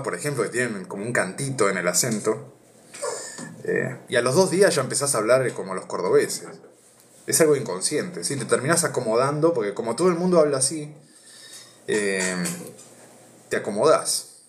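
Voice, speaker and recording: In a casual live stream, an Argentine man reads philosophy aloud and chats with his viewers in Rioplatense Spanish, hesitating a lot as he thinks through ideas. He speaks in an animated, mid-range voice at a moderate pace.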